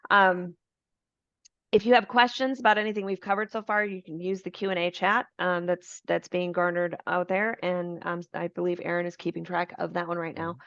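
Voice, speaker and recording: A woman with a fairly low voice presents a business webinar and explains each feature step by step. Her tone stays friendly and informal. The audio is dry and a little dull, as if it were coming through a video call. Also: level tone, normal speed, fairly bright tone, no echo.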